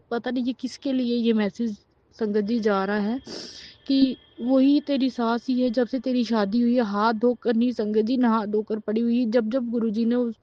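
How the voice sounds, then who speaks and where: A woman's voice: on the high side, dry recording, highs cut off. A middle-aged woman giving an emotional personal testimony as a devotee, pleading and aggrieved, often breaking off and restarting her words.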